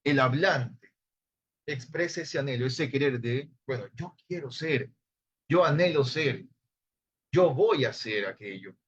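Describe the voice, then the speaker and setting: A man's voice: medium pitch, expressive, a little slow, husky. Man teacher, patient explainer, online class lecture over slightly dull video-call audio. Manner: explains patiently, addresses listeners as brothers. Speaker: Bible Hebrew teacher.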